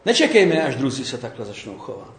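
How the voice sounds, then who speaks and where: A man's voice: medium pitch, sing-song, reverberant, a little hiss or hum. A man preaching a conversational sermon, often checking in with his listeners by asking "jo?".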